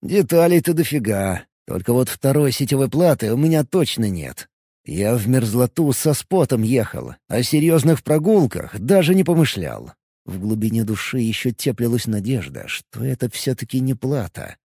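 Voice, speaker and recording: A man narrating a first-person audiobook in an expressive, lively way. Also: medium pitch, moderate pace, husky, no room sound, studio quality.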